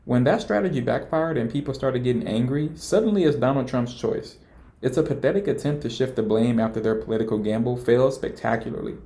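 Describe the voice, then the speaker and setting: A man narrating scripted political commentary with a mellow, darker tone at an ordinary pitch. His delivery is indignant and emphatic, with a mocking edge. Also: a little fast.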